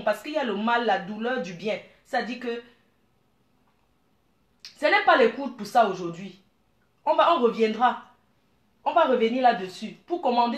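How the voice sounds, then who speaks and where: A middle-aged woman from Cameroon, giving blunt, animated advice and calling her listeners dear. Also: fairly high pitch, reverberant. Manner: blunt, animated, calls listeners "maman" and "ma chérie". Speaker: business owner. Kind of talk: frank advice monologue.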